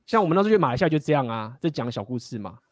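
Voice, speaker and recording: A man's voice: mid-range voice, very animated, very fast, no echo, clean studio sound. A man, casually telling stories and giving blunt, profane dating advice. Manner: blunt, profane, laughing often.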